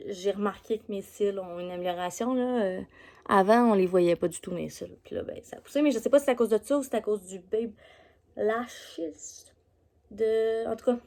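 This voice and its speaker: A woman's voice: medium pitch, warm tone. Chatty Québécois woman vlogger. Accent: Québécois French. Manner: chatty, loose, full of fillers. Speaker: beauty vlogger. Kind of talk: casual product review chat.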